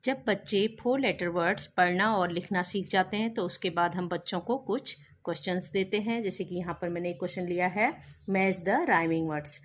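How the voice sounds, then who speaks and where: Woman spelling out phonics words slowly. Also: on the low side, slight background noise. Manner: spells words letter by letter, then says them slowly. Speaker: teacher. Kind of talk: explaining a kindergarten English lesson.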